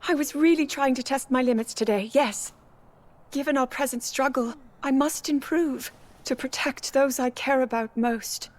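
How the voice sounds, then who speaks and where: A woman's voice: high-pitched, normal speed, natural voice. An actress playing a devoted young princess who speaks earnestly about protecting her people. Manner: earnest and determined. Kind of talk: video game cutscene acting. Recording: game cutscene with music behind.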